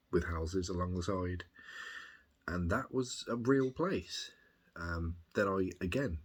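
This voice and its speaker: An extremely deep-voiced man from Birmingham, speaking with the local accent. His voice is husky and rough-edged. He recounts things in a casual, reflective diary style, pausing and rambling as he gathers his thoughts. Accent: Birmingham English. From Birmingham, England. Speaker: video diarist.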